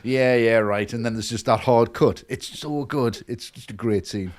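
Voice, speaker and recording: A man's voice: mid-range voice, moderate pace, darkish tone. Enthusiastic man gushing about films. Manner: enthusiastic, swears, acts out quoted lines. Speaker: podcast co-host. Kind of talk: casual film discussion.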